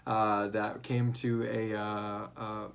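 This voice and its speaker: On a casual livestream, a man who hosts and co-created a horror audio drama chats in a jokey, rambling way, muttering at times while setting things up. His voice sits on the low side with a level tone, a slow pace, and some vocal fry.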